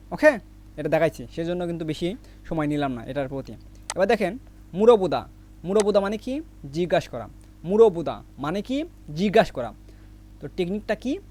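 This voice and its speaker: Asking over and over what each word means and then answering it himself, a male Korean language teacher works through a recorded vocabulary lesson with memory tricks. His voice is high-pitched and a little mellow.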